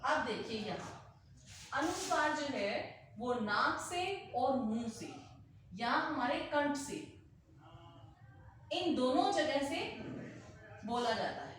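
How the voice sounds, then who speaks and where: A woman teacher explaining a grammar lesson slowly, repeating example words aloud to demonstrate. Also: high voice, lively intonation, a bit bright, a little hiss or hum. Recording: very echoey room, heard from a distance.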